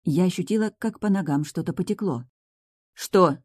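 A woman reading a first-person audiobook in an even, intimate storytelling manner. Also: sits low, a little fast, no echo, clean studio sound. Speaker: audiobook narrator.

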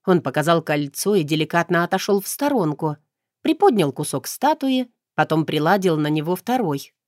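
A woman narrating a first-person audiobook in a smooth, even storytelling manner. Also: fairly low pitch, normal speed, no room sound, clean studio sound.

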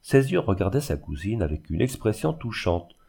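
A man narrating a literary audiobook in a measured, even storytelling manner. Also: lowish voice, gravelly, husky.

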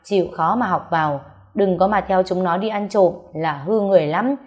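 A kind young village man in a storybook tale, as a woman narrator puts him on, soft-spoken and coaxing. The voice sits a little low and speaks up slightly above the narration. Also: normal speed, natural voice. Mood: gentle coaxing. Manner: gentle, coaxing questions.

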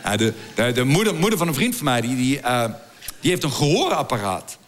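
Before a live crowd, a middle-aged man performs stand-up in a mid-range voice at a fairly quick clip. He stammers and repeats words while setting up crude jokes delivered deadpan.

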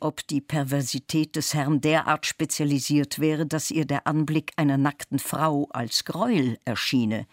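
Man, literary reader, measured delivery, husky, dry close sound. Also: mid-range voice, dry recording. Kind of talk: scripted literary reading.

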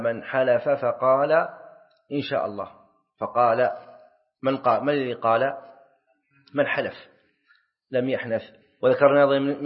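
A sheikh teaching a class, who often puts questions to his students, answers them himself and repeats key phrases. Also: mid-range voice. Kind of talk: classroom lecture. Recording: dull lo-fi recording.

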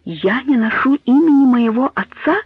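A man's voice: very high-pitched, expressive, normal speed, husky, no echo, pitched above the performer's own voice, exaggerated voice. A man reading a storybook voices a frantic young woman who pleads with her mother in rising, tearful tones. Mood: insistent. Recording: tinny phone-like dry audio.

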